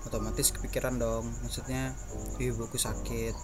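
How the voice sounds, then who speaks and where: A young man, co-hosting a casual podcast and explaining things in a halting, roundabout way. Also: medium pitch, little pitch movement, music in the background. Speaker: podcast co-host.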